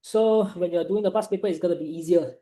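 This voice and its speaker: A young man with a Malaysian accent tutoring online in informal, Singlish-like English full of local particles, animated and encouraging. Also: sits high, quick pace, reverberant, low-quality recording. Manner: animated, encouraging, peppering talk with "right" and "ah". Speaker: chemistry tutor.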